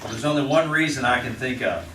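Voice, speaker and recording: An actor playing a weary, authoritative American frontier marshal, dry and steady, in 1950s radio western acting and narration. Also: male voice, medium pitch, fairly quick, lightly acted. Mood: wary. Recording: noisy, echoey old radio recording, distant.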